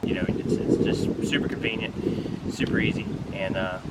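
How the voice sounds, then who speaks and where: Here an RV vlogger, his voice fairly low and showing little pitch movement, talks at a normal pace while informally demonstrating gear step by step to camera. He is outdoors beside a pickup truck bed, with wind and passing vehicles clearly heard behind him.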